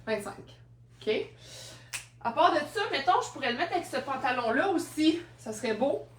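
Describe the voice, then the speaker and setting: Québécois woman, higher voice, chatty storyteller, laughs a lot, roomy room, away from the mic. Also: lively intonation, moderate pace, distant mic, slight background noise. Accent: Québécois French. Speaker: second-hand clothing seller. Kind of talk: live-stream selling chat.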